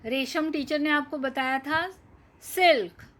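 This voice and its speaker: A woman teacher giving a children's reading lesson, stretching out each word slowly and asking the class to repeat. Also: sits high, steady tone, fairly bright tone. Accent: Hindi. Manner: slow, drawn-out word-by-word reading with repeated questions. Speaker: primary school teacher.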